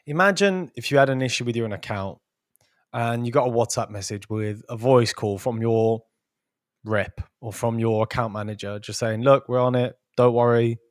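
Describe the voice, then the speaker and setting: Podcast cohost guy, slows down to hit his point, dry close recording. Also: medium pitch, dry recording. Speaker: podcast co-host. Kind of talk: casual podcast chat.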